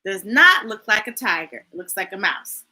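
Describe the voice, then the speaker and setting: A woman's voice: mid-range voice, very animated, normal speed, pushed and bright. A woman reading picture books aloud to children, enthusiastic and chatty. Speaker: children's story reader. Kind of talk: storytime read-aloud.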